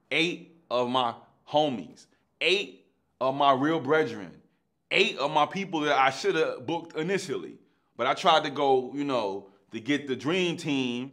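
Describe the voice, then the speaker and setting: This middle-aged actor, speaking in a mid-range voice, tells a lively anecdote from his own life. He performs the dialogue in street slang, his delivery swinging between hushed and loud.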